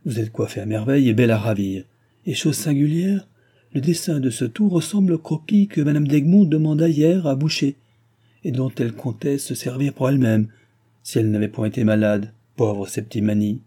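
A man voicing an old, suave and imperturbable male courtier in an audiobook, smooth, ironic and flattering. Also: mid-range voice, normal speed, pitched above the performer's own voice, natural voice.

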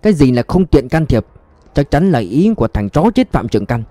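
A man's voice: mid-range voice, animated, a little fast, mellow, no echo, faint music behind, natural voice. A man doing a blunt, hot-tempered police chief. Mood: furious. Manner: blunt, angry.

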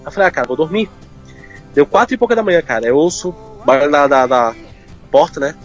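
A man tells his story fast and loosely, throwing in casual fillers as he goes. His voice sits on the high side for a man. Soft music plays faintly behind him. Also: expressive, muffled recording. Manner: fast, informal, full of fillers like "cara". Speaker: guest. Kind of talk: candid personal conversation.

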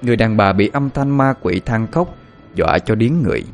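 A man giving a dramatic, expressive narration of a horror story as an audiobook narrator. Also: lowish voice, brisk, faint music behind.

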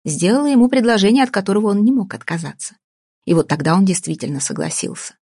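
A woman reading an audiobook voices a domineering, sarcastic older businesswoman who talks slowly and deliberately, with a husky tone. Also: medium pitch, dark tone, dry recording, studio quality. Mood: scheming. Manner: cutting, sarcastic, slow deliberate delivery.

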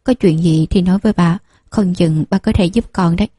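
A woman's voice: lowish voice, brisk, dark tone, husky, no room sound. A woman voicing a grandmother who speaks in a coaxing, sweet-talking way.

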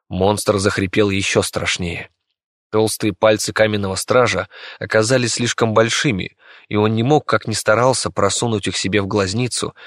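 A man narrating a fantasy audiobook in a steady, even reading voice. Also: on the low side, dry recording, studio quality.

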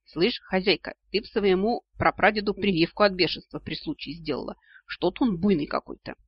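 Sentient blood, insolent and cheeky, raised husky tone, man reading, muffled dry audio. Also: high voice, fairly quick. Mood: mocking. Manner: mocking, insolent taunts. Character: snarky talking blood, female, rude and cheeky. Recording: dull lo-fi audio.

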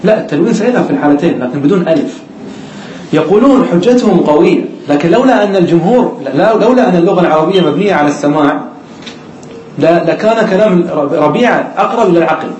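A man's voice: high-pitched, expressive, fast, darkish tone, roomy sound, a little hiss or hum, poor audio. A man teaching an Arabic grammar class, who explains step by step, asks the students questions and repeats the key words.

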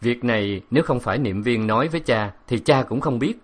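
A stern middle-aged father speaks with hurt urgency in a husky, breathy voice, as a male reader plays him. His tone stays grave and earnest, read from a storybook. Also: mid-range voice, a little fast, lightly acted.

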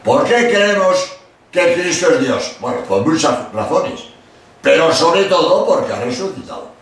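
Older Spanish priest in an echoey hall. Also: male voice, fairly high pitch, a little slow. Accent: Spain Spanish. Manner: animated, acts out quotes, emphatic asides. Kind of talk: religious lecture. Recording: echoey hall from far off with faint noise.

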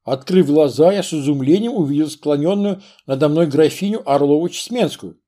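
A man reading a novel aloud as a first-person audiobook narration, with a lively, expressive delivery. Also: on the high side, brisk. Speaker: audiobook reader.

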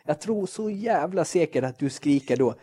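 A man's voice: fairly high pitch, expressive, dark tone, slightly rough. A man co-hosting a podcast, ranting and swearing in casual chat, acting out quoted lines. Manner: swears a lot, rants animatedly, acts out quotes. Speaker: podcast co-host.

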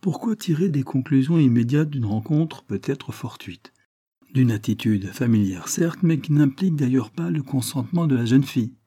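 A man's voice: mid-range voice, normal speed, husky, voice pushed up. A man reading aloud and voicing a phlegmatic Irish man who answers his friend coolly and lectures him. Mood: coolly firm. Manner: calm, dry and lecturing.

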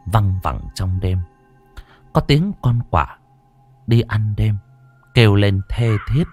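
A man narrating a ghost story dramatically, with long pauses. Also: lowish voice, expressive, a little mellow, breathy edge, faint music behind.

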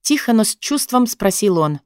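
Woman, audiobook narrator, first-person story, middle pitch, sharp sarcastic edge, dry close sound. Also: big pitch swings, normal speed, dry recording.

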